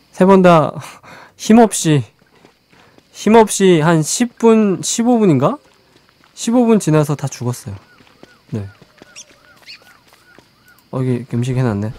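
A game streamer with a fairly high, slightly mellow voice offers chatty live let's-play commentary on a survival game, answering viewer questions and talking to the creatures. He speaks slowly in a sing-song way with long pauses, and the recording is dry.

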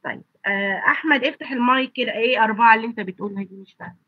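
Egyptian woman teaching online, stuffy nose, kinda husky, a bit high, dull dry call audio. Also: very fast, dry recording. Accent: Egyptian Arabic. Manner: asks students rhetorical questions and answers them. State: congested, blocked nose and throat. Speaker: pharmacy college lecturer. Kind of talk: online lecture. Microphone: computer mic on a video call.

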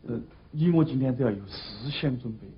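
An actor playing a pretentious, polite middle-aged job applicant in a TV comedy, with dialect. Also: male voice, medium pitch, brisk, lightly acted. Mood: confiding. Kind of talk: comedy TV drama dialogue. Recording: muffled old TV sound, faint noise.

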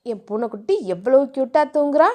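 A woman voicing a brooding, tough young male hero in an audio novel, speaking in a soft, low murmur. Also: quick pace, close to an everyday voice. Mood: brisk.

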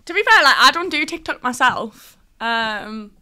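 Podcast guest: female, north-east English accent, bright, slightly high voice, frank casual delivery. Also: animated, measured pace. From Durham, north-east England. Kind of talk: casual chat. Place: small podcast studio. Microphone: close desk microphone.

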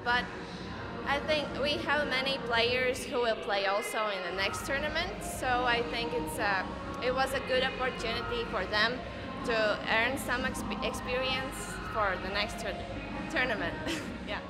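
A woman's voice: a little high, unhurried, over loud music. A young woman with a Latvian accent, a floorball player answering post-game interview questions in English, hesitant with many fillers. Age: young adult. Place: indoor arena by a sponsor backdrop. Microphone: handheld mic.

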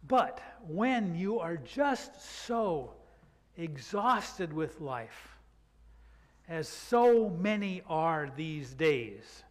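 A man's voice: a little high, very animated. An older man, a pastor, preaching a reflective sermon from the pulpit of a church sanctuary, drawing out words for emphasis. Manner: reflective, unhurried, with drawn-out emphasis. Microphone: pulpit microphone. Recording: long church reverb.

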